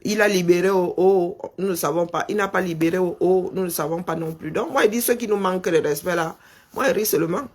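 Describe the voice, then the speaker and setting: In a high voice and at a fairly quick pace, a middle-aged man with a Cameroonian French accent runs a political live stream. He is insistent, leaning on rhetorical questions and speaking punctuation marks aloud.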